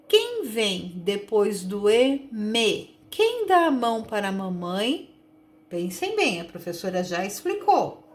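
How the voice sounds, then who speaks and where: A woman teacher with a Brazilian Portuguese accent, slowly and patiently sounding out words for young children in a recorded lesson. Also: a little high, slight background noise. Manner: slow, patient, sounds out words and stretches syllables. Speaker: primary school teacher.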